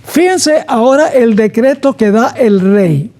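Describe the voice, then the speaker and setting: Middle-aged pastor guy doing a bible study, slow steady sermon, warm low-toned voice. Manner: reads scripture aloud then stops to comment and stress key words.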